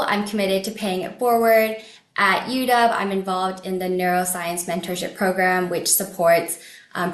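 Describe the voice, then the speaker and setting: Polished young woman, echoey room. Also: on the low side. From Northern Virginia. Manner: measured, polished and organized. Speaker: PhD student panelist. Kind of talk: prepared self-introduction.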